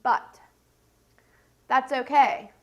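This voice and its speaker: A congested, stuffy-nosed woman in her thirties hosts a get-ready-with-me beauty vlog from home, rambling casually with lots of fillers. Her voice is high, a bit bright and fairly even in intonation, and she speaks extremely slowly. The recording sounds muffled.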